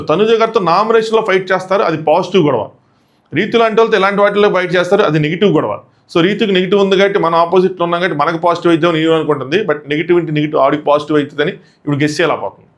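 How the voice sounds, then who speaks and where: Male reality-show reviewer, Telugu accent, rapid animated delivery, slightly higher voice. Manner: animated, acts out contestants' quotes in shifting voices. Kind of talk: casual solo recap.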